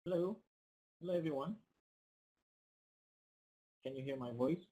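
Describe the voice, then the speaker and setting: A man's voice: on the high side, measured pace, warm tone, poor audio. A man with an Indonesian accent hosting an online class, checking his mic with hesitant, repeated questions over a video call. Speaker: online course host.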